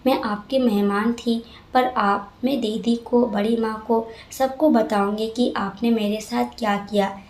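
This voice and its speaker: A woman's voice: on the high side, fairly even intonation, unhurried, darkish tone. Woman doing a whiny, spoiled young woman. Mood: sobbing. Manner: whiny and complaining. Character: spoiled, sulky young woman, childish and talkative. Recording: roomy echo.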